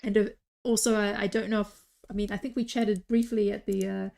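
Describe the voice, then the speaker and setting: A woman's voice: mid-range voice, level tone, brisk, creaky, dark tone. Chatty woman hosting a live stream. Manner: chatty, encouraging, cheering on competitors. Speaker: host.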